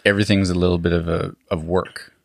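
A man hosting a podcast interview, asking quick, curious questions and laughing often in casual chat. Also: low-pitched, little pitch movement, gravelly, dry recording, studio quality. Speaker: podcast host.

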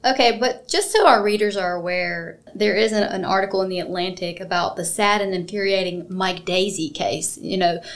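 A woman from Mississippi co-hosting a podcast in casual chat over drinks, playful and quick to laugh. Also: mid-range voice. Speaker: podcast co-host.

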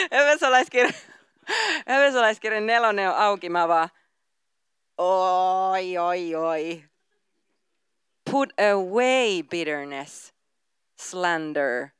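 A woman pastor preaching a sermon in a lowish, very smooth and clear voice. She reads scripture aloud and then shifts into casual, informal talk. The sound is dry and close, with no room echo. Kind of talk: sermon with Bible reading.

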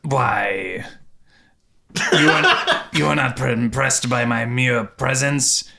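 A man's voice: medium pitch, sing-song, slow pace, vocal fry, bright, forceful tone, exaggerated voice. A man playing a boastful, grandiose kobold in a tabletop game, speaking in pompous, stilted formal phrases. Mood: smug. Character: boastful, grandiose kobold contestant with a genie lamp. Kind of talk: improvised tabletop role-play.

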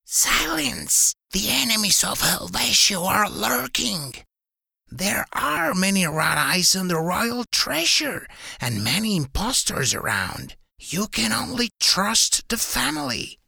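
Frail old mother rat, voiced by a woman, raspy, gravelly, bright, hushed. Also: a little high, big pitch swings, slow pace, no room sound, pitched above the performer's own voice, heavily acted. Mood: secretive. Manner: hushed, urgent whispering.

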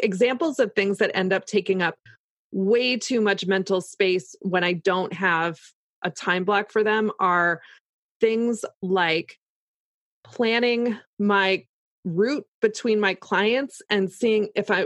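A woman's voice: mid-range voice, dry recording. A woman in casual, explanatory conversation, talking through examples as if voicing her own thoughts.

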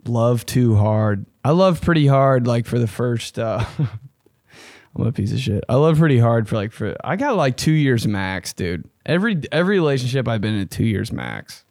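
A man's voice: medium pitch, animated, moderate pace, darkish tone, no echo, clean studio sound. A man chatting casually and comically as a host giving advice, talking like a slangy, profane, blunt frat bro. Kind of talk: casual comedic chat.

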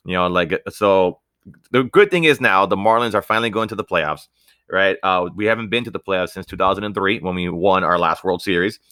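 A man's voice: sits low, brisk, fairly bright tone, clean tone, no echo, clean studio sound. A young man hosting a casual podcast chat in a joking, laid-back way. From United States. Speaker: podcast host.

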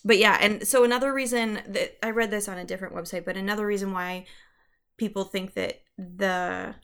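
This co-host talks briskly in a steady, medium-pitched voice with a clean, fairly bright tone. A young woman on a podcast, she chats casually about ghost stories, piling on fillers, restarting and correcting herself, and laughing at herself.

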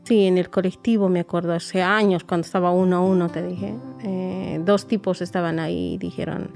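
A woman, recalling her life in a soft, reflective, halting way. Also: lowish voice, fairly even intonation, vocal fry, soft background music. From Bolivia. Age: 40s. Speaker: interviewee. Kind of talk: personal storytelling interview.

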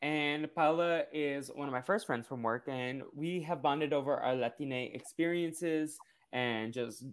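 A man's voice: fairly high pitch, unhurried, few pauses, clean tone. A man from Brazil hosting a casual podcast interview, chatty and loose, with many fillers and restarts. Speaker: podcast host.

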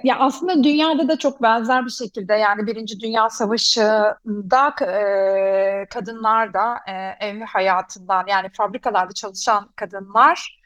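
Female talk host, medium pitch, explains with pauses, very dry sound. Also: steady tone, fairly bright tone, dry recording. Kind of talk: semi-scripted programme presenting.

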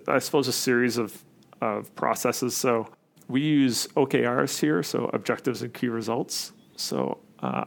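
Gravelly-voiced man, casual and reflective. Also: medium pitch, fairly bright tone. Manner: casual, reflective, many fillers. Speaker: agency CEO, guest. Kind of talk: interview answers.

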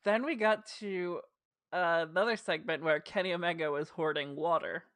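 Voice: mid-range voice, normal speed, a bit bright, no room sound. A podcast co-host with a New Jersey accent, chatting casually and retelling scenes with lots of "like" fillers. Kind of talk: casual chat recapping a show.

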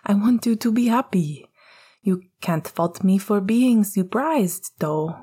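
A woman reading the lines of an affectionate middle-aged father in a gentle, reassuring way in an audiobook. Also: mid-range voice, expressive, takes it slowly, husky.

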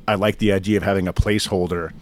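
Deep-voiced man, measured analysis. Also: flat delivery. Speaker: podcast co-host. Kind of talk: casual sports analysis.

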